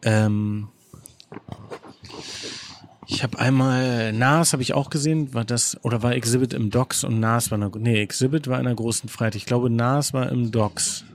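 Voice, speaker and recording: Male guest in his thirties, easygoing storyteller, middle pitch, casual chat. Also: moderate pace, slight background noise. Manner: relaxed, rambling, laid-back anecdotes. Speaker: guest, photographer.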